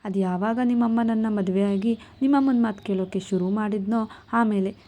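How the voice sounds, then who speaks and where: A woman's voice: medium pitch, brisk, warm tone, natural voice. A woman voicing a jovial middle-aged father who jokes and teases. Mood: teasing. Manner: joking, teasing.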